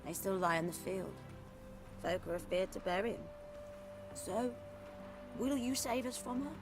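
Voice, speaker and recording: A woman's voice: mid-range voice, lively intonation, normal speed, natural voice. A woman voicing a wary village woman in a video game, with folksy rustic speech. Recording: game audio with loud music. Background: game music.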